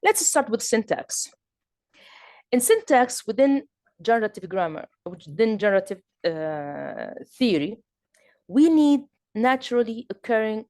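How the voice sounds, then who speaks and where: This woman, a linguistics lecturer from southern Jordan with a Jordanian Arabic accent, stumbles through an academic talk with frequent fillers and false starts. Her medium-pitched voice is slightly mellow, captured at studio quality without echo.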